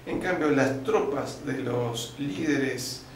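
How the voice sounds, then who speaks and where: An Argentine man lays out history like a patient lecturer, pausing on "eh" and "este" and now and then clearing his throat. His voice sits at an ordinary middle pitch. It rings around a very echoey room with a faint hiss of noise underneath. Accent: Argentine Spanish. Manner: didactic storyteller, uses fillers like "este" and "eh", clears throat often. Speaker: interview guest.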